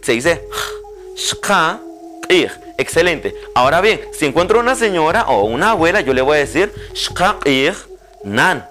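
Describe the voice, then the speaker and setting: A man teaches a televised language lesson, his fairly high voice rising and falling in lively swings. He sounds out each drill word slowly and carefully. Soft music plays faintly under him. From Guatemala. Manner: slow, carefully spelled-out pronunciation drills.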